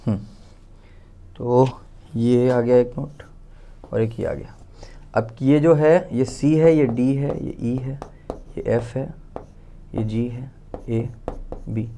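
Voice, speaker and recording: A man's voice: mid-range voice, slow, creaky, long pauses, mellow, a little hiss or hum. A man with an Indian accent teaching a casual music theory lesson, thinking aloud, counting out steps one by one and correcting himself as he writes. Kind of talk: casual explanatory lesson while writing.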